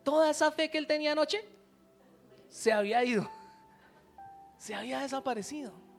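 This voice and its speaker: A woman preaches a sermon, telling a story and pausing to ask her congregation questions. Her voice sits a little high. Soft music plays faintly behind her in the church. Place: church service.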